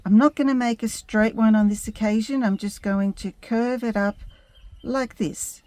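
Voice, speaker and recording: Woman, gentle painting instructor; relaxed, soft-edged tone, close dry sound, tutorial delivery. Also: on the high side, normal speed, no echo. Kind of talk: step-by-step painting tutorial narration.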